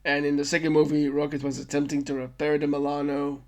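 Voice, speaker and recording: A man's voice: fairly high pitch, monotone, fast, a little mellow. A man hosting a podcast, recapping a film in a casual, rambling way, often stopping to correct himself. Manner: rambling, self-correcting, stammers on restarts. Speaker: podcast host.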